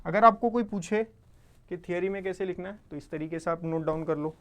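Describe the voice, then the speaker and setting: A man's voice: high-pitched, steady tone, fairly quick, fairly bright tone. A man teaching an online exam-prep lecture. He keeps asking and answering his own questions, checks in with the class often, and mixes Hindi with English definitions he reads aloud.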